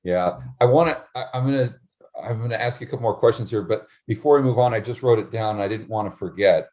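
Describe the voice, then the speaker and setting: A man hosting a casual interview, speaking in an earnest, animated and agreeable way. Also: lowish voice, fast talker. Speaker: interview host.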